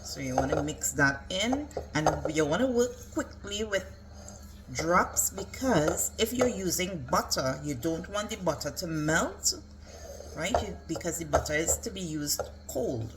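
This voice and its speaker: A woman's voice: lowish voice, lively intonation, measured pace, background noise. A woman giving a casual, step-by-step cooking demonstration as a home cook. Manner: instructional, step-by-step. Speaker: home cook presenting a recipe.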